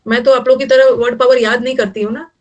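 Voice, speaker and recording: A woman's voice: a little high, little pitch movement, fast talker, far from the mic. Middle-aged woman teaching vocabulary, joking. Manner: mixes Hindi and English, jokey memory tricks. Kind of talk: online vocabulary class.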